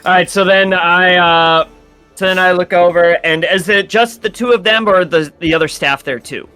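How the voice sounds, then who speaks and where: A man's voice: sits high, moderate pace, bright, forceful tone, clear, resonant tone, soft background music. A man playing a tabletop game, chatty and self-mocking. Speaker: player.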